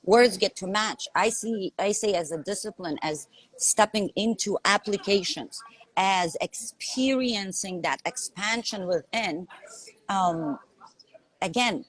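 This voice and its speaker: A coach with a Lithuanian accent talks in an earnest, emphatic way on a podcast, going over points again and frequently tagging on "right?" She has a fairly low, slightly rough voice, and the recording itself is rough.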